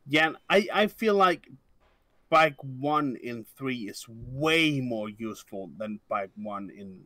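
Lively European man, dry close sound. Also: mid-range voice, takes it slowly, dry recording. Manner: lively, joking, laughs easily. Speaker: game developer co-host. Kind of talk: casual chat while gaming.

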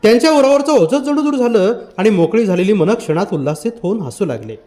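A man reads a novel aloud in a measured, literary way. His voice sits high for a man, and he paces the descriptive passages steadily. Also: animated, darkish tone. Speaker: audiobook narrator. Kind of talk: scripted novel narration.

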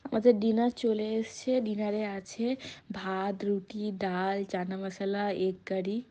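A woman's voice: medium pitch, level tone, unhurried, warm tone. Chatty woman vlogging a trip. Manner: chatty, addresses viewers directly. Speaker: travel vlogger. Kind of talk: casual travel vlog narration. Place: train journey.

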